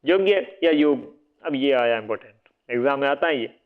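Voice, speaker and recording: Hindi teacher quizzing word spellings. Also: male voice, medium pitch, expressive, moderate pace. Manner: repeats words, quizzes listeners with "what will it be?"; self-correcting, casual asides. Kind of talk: online exam-prep lesson. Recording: phone-like narrow band audio.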